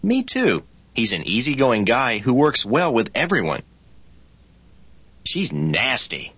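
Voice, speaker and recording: A man reading scripted practice dialogues for a language lesson, with expressive, swooping line readings. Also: mid-range voice, measured pace, slightly rough, no room sound.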